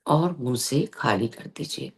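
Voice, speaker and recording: Leaving long pauses between phrases, a meditation teacher gently guides a session in a medium-pitched voice that is expressive and creaky.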